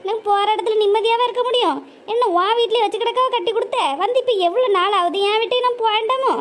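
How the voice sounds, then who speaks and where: A woman voicing a scheming, impatient grown daughter, scolding in a sharp, nagging way. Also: very high-pitched. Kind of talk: cartoon voice acting.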